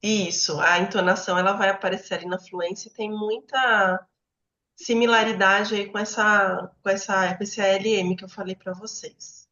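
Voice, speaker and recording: A woman with a Brazilian Portuguese accent leads a book club in a relaxed teaching manner, often pausing to check in with her listeners. Her voice sits in a middle register. The recording is roomy and somewhat dull, like lo-fi audio. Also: mid-range voice. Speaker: book club host and educator. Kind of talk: explanatory teaching talk.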